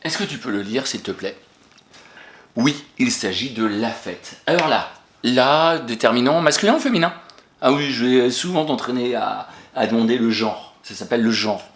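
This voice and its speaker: A man's voice: medium pitch, moderate pace. Echoey encouraging French schoolteacher man. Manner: encouraging, patient, questions and praises pupils. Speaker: primary school teacher. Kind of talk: remote spelling lesson for young children.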